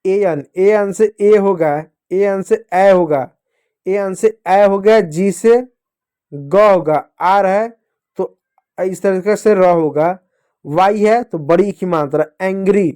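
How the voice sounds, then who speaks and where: A man teaching children to read English words, spelling them out slowly sound by sound and calling his pupils dear kids. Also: high voice, dark tone, smooth. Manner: slow, syllable-by-syllable spelling out of words. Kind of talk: phonics lesson for kids.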